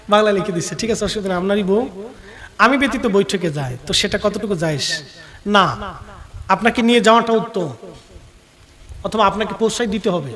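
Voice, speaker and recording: A man preaching a sermon, moving from calm explanation to loud scolding and rhetorical questions put to the crowd. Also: sits high. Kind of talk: fiery sermon answering audience questions. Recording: long hall reverb.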